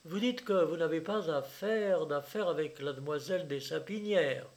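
A man doing a cold, calm young son. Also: fairly high pitch, moderate pace, lightly acted.

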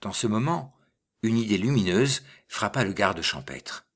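A man narrating a story aloud in a measured, expressive reading. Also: fairly low pitch. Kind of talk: audiobook reading.

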